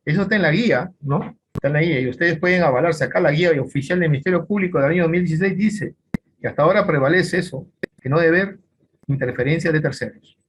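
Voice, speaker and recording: A man's voice: fairly high pitch, fast, a little hiss or hum. A man with a Peruvian Spanish accent lecturing on forensic psychology in an online class, rambling with many fillers and restarts.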